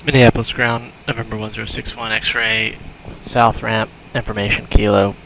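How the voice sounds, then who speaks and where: A man's voice: lowish voice, flat delivery, moderate pace, vocal fry, a bit bright, slight background noise, rough recording. A man making clipped, by-the-book pilot radio calls into a cockpit headset mic. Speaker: flight simulator player acting as pilot.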